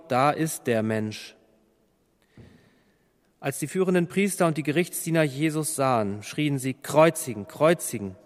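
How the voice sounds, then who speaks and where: A man's voice: fairly high pitch, long reverb tail. A man reading a Bible passage aloud and then commenting on it as a preacher.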